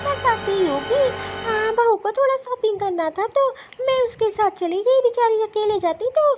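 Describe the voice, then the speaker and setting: A woman's voice: very high-pitched, lively intonation, normal speed, loud music behind the voice. A woman voicing a kindly middle-aged mother-in-law in a cartoon, speaking affectionately. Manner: affectionate, soothing. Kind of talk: Hindi cartoon voice acting.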